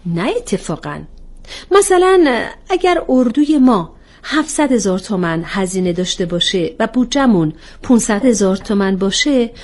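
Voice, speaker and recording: A woman voicing a calm young woman who patiently explains things in a storybook reading. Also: medium pitch.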